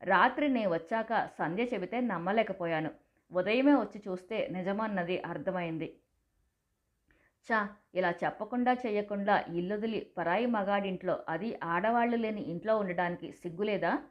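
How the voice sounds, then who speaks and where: A grown son boils over with rage, his speech loud, harsh and full of scorn, as a woman storyteller puts him on. The sound is a touch dull and lo-fi. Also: mid-range voice, normal speed, close to an everyday voice. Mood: furious, scornful. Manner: shouting, accusing.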